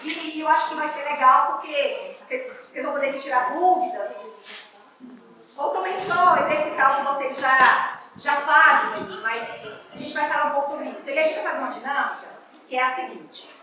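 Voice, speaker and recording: Storytelling teacher: a high-pitched woman with friendly, halting explanations, recorded echoey from a distance among a group. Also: a crowd in the background. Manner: explains with friendly, hesitant restarts. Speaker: storytelling instructor. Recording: echoey room heard from a distance.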